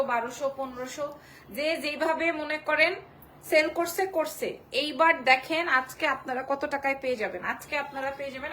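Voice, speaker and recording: Bright high-voiced woman selling on a live stream. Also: slight background noise. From Bangladesh. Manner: rapid sales patter, repeats prices and sizes. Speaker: online clothing shop seller. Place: small clothing shop indoors.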